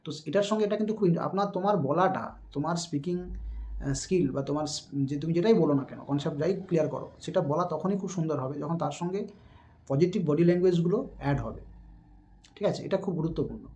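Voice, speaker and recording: A man giving a spoken lesson on interview speaking skills. He explains patiently and acts out his examples, turning suddenly loud or soft. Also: fairly high pitch, quick pace. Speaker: teacher.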